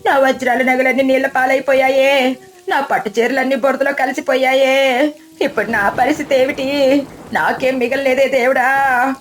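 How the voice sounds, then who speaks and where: A woman narrator voicing a greedy rich older woman who wails and cries, her voice pushed well above her usual pitch. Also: flat delivery, moderate pace, lightly acted. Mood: wailing. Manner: crying, wailing.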